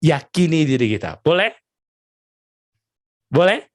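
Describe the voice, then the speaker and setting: A fairly high-voiced man giving a motivational seminar on public speaking. He quizzes the crowd, repeats key words for emphasis and drives the talk with lively energy. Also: unhurried.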